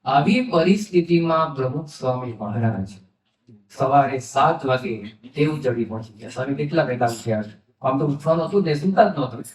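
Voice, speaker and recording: A man's voice: mid-range voice, a little fast. A man, a monk, telling devotional stories in a sermon and acting out the dialogue in them. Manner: animated storytelling, acts out quoted dialogue. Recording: echoey hall, mic at a distance.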